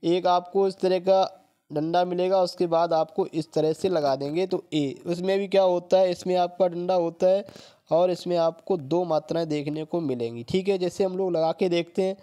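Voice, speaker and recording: A man teaching a step-by-step lesson, explaining slowly, repeating sounds and often adding filler checks. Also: sits high, fairly even intonation, dark tone.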